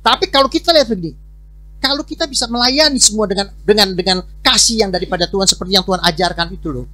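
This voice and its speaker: A man, a pastor, giving an informal sermon to his congregation, often repeating words and swinging between loud and soft. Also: sits high, quick pace. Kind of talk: conversational sermon.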